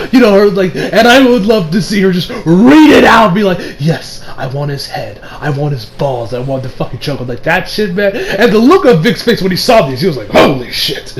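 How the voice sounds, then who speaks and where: A man's voice: high-pitched, rough recording. A young man giving casual, rambling commentary, full of fillers and casual swearing. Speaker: online commentator.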